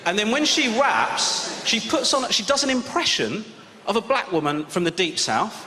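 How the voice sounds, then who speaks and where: A man ranting scornfully as a commentator, animated and mocking. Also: high-pitched, moderate pace. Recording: echoey hall with faint noise.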